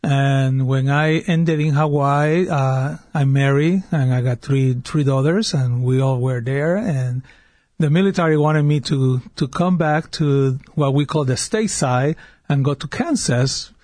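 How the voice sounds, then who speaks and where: A Puerto Rican man in his fifties, a diocesan worship director, shares a personal story as a guest on a radio interview, speaking earnestly in a Puerto Rican Spanish accent and often repeating words as he restarts. His mid-range voice is a little slow and a little mellow, with no room sound.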